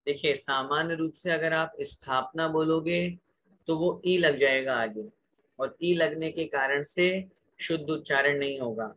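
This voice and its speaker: Slow, bright-voiced male scripture teacher. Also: a little high. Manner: drills pronunciation word by word, asks class to repeat aloud. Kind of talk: slow recitation lesson with call-and-repeat.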